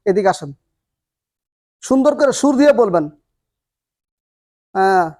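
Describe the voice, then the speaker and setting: A male teacher runs a classroom lesson, his voice pitched very high. He drills each rule over and over, putting a question to the class and then answering it himself. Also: lively intonation, unhurried, warm tone. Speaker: Quran reading teacher. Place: classroom with a board and students.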